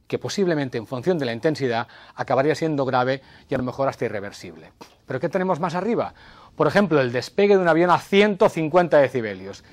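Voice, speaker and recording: A man presenting a hearing-health segment on television, explaining to camera and demonstrating with whispers and a raised voice. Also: mid-range voice.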